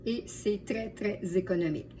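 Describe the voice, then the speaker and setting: A home cook with a Quebec French accent hosts a laid-back cooking demonstration, addressing her viewers as friends. Her voice is medium in pitch with a dark tone, delivered at a moderate pace. A distant mic captures her along with light background noise.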